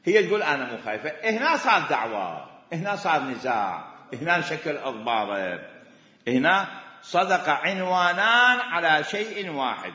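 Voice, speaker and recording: A man's voice: on the high side, bright, forceful tone. A man with an Iraqi accent teaching a class on religious law, repeating his points with emphasis as he explains. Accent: Iraqi Arabic. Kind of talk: classroom lecture. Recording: echoey hall, dull lo-fi sound.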